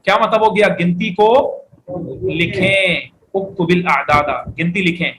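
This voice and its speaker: A man teaching an Arabic class, explaining step by step, asking the students questions and reading phrases slowly for them to repeat. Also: high-pitched, steady tone, fairly bright tone, a little hiss or hum, poor audio. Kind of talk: classroom lecture.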